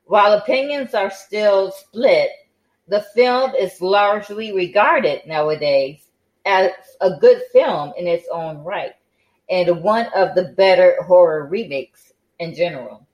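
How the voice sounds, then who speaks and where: A woman's voice: on the low side, a little slow, darkish tone, lo-fi sound. A woman hosting a podcast in casual chat, tired and yawning, with many fillers and restarts. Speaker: podcast host.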